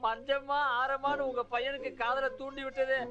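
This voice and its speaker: A hapless sidekick in a film comedy who whines and begs. His voice sits very high, and the soundtrack is dull and lo-fi. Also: little pitch movement, moderate pace. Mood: pleading. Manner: pleading, whining. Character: hapless sidekick man, whiny and frightened. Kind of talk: Tamil film comedy scene.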